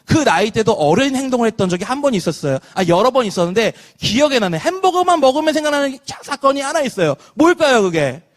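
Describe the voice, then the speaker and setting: Children's pastor, man in his thirties, high-pitched, keeps quizzing the kids. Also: quick pace, hardly any pauses. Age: 30s. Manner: lively, asks children questions and leads call-and-response. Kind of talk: online children's sermon.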